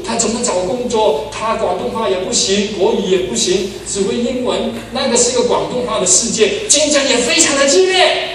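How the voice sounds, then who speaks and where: An older man preaching as a pastor, an animated storyteller who swings from loud exclamations to soft asides. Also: high voice. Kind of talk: sermon with personal stories. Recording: echoey hall, far from the mic, noisy.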